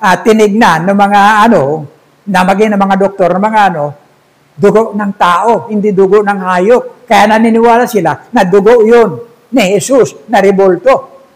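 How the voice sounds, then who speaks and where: A male pastor preaching a sermon, telling a story in a slow, hushed manner. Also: high-pitched, steady tone, poor audio.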